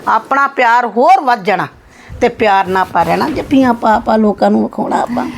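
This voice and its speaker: A woman's voice: a little high, brisk, gravelly, a little hiss or hum. A middle-aged woman playing a reassuring mother-in-law in a scripted family skit. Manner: warm, reassuring, calls her "son".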